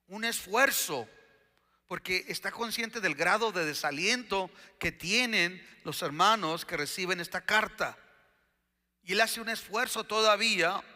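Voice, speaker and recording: A man preaching a sermon as pastor, slow and deliberate, with emphatic questions. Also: high voice, pushed and bright, in a large hall.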